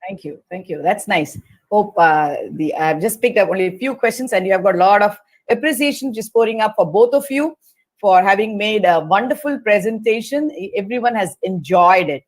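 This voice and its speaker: A woman moderating a webinar over a video call, reading out questions politely with many pauses. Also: mid-range voice, lively intonation.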